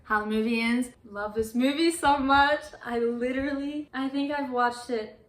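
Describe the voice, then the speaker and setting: A woman's voice: sits high, fairly even intonation, normal speed. A young adult woman recapping a movie in a casual, chatty way, with lots of "like" fillers. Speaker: YouTuber. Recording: roomy echo.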